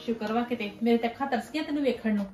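A woman playing a meddling, sharp-tongued village aunt who gossips and scolds in a web series drama. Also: fairly high pitch, very fast, faint music behind, close to an everyday voice. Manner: gossipy, scolding, ends remarks with "haiṅ?". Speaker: paternal aunt.

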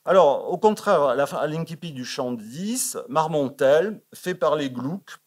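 A man's voice: on the high side, expressive, measured pace, a little mellow. A man presenting a scholarly paper at a conference in a library auditorium. He sprinkles his delivery with fillers like "hein" and "euh" and reads verse quotations with raised emphasis. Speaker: conference speaker. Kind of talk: academic conference talk.

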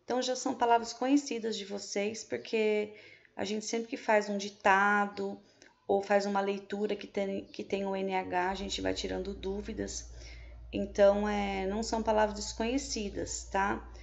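A woman's voice: medium pitch, little pitch movement, normal speed, vocal fry, highs cut off. A woman with a Brazilian Portuguese accent, teaching a remote lesson to young pupils and explaining each step patiently, with frequent checks. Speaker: primary school teacher.

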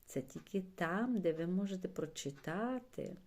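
A woman teacher reading a children's tale aloud, her fairly low voice rising and falling expressively. She speaks gently and warmly to young listeners, drawing them into the story. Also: animated, unhurried.

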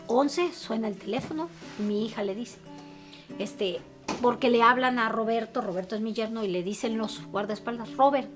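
A middle-aged woman with a Mexican Spanish accent, grieving, telling a painful story with anguish and voicing the words of others. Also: a little high. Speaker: interviewee, bereaved mother. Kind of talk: emotional personal testimony. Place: her family home. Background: soft guitar music.

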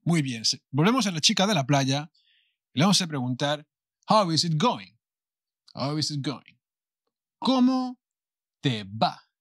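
Lively Spanish man teaching beginners. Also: a little high, dry recording, clean studio sound. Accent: Castilian Spanish. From Spain. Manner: animated, slows down to model phrases, then rushes through asides. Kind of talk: beginner language lesson.

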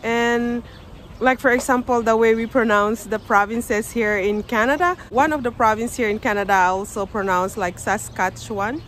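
A woman in her thirties with a Filipino accent, originally from the Philippines, records a casual vlog on a snowy suburban driveway, holding her phone at arm's length. Her fairly high, fairly bright voice keeps fairly even intonation at normal speed while she chats and explains with loose grammar. Some hiss or hum is present.

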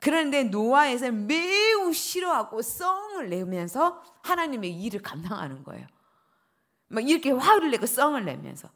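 A middle-aged woman pastor delivers a dawn service sermon in a fairly high voice. Her pitch leaps and falls as she acts out quoted prayers and the dialogue of her stories with lively feeling. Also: moderate pace. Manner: animated preaching, acting out quoted prayers and dialogue.

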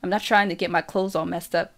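A woman's voice: lowish voice, fairly even intonation, quick pace, a bit bright. A woman voicing an easygoing, teasing teenage boy in an audiobook reading, with a laid-back, plain delivery.

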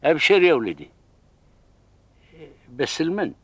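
An actor in his sixties playing a kindly old father in a television drama, with a Bedouin Arabic accent and a paternal, measured manner. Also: on the high side, very animated, a bit bright, no room sound. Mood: gracious, courteous. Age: 60s.

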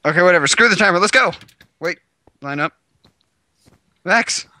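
A man's voice: high voice, expressive, normal speed, pushed and bright, no room sound. A man hosting a casual gaming video, rambling and hesitant, often giggling between fillers. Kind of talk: casual let's-play chat.

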